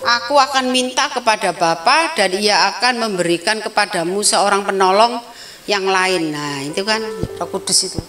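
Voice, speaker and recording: A woman's voice: mid-range voice, moderate pace, a bit bright, soft background music, low-quality recording. A woman evangelist preaching at a prayer service, earnest and storytelling, sharing her own testimony. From Indonesia.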